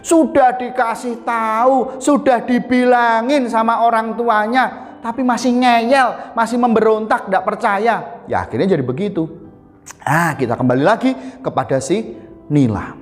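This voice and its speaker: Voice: medium pitch, measured pace. A storyteller telling a devotional story to children, speaking to them directly. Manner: lively, addressing children directly. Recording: echoey hall, faint music.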